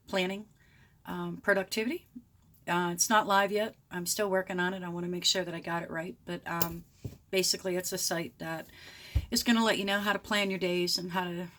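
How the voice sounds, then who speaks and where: A woman's voice: on the low side, a bit bright. A middle-aged woman with a sore throat and a groggy voice, talking frankly and casually in a rambling, unscripted way to followers. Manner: frank, chatty, rambling self-description. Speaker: homesteading blogger introducing themself.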